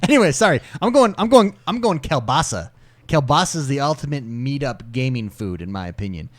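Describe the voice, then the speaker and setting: A man's voice: mid-range voice, lively intonation, a little fast. A young man co-hosting a casual podcast, rambling and opinionated with a jokey manner. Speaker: podcast co-host. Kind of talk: casual chat.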